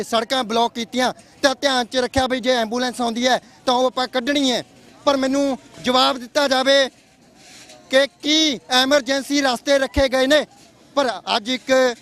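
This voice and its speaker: A man's voice: extremely high pitch, fairly bright tone. A male field reporter giving an urgent live report outdoors at a road barricade and appealing directly to officials. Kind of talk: live on-the-spot news report.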